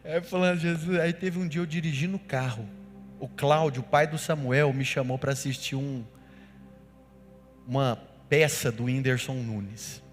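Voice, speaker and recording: A man's voice: mid-range voice, fairly even intonation, normal speed. Man, Brazilian Goiás accent, pastor, sermon, storytelling, faint music behind. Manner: storytelling, builds to loud declarations. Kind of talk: sermon with personal stories. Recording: long hall reverb, faint music.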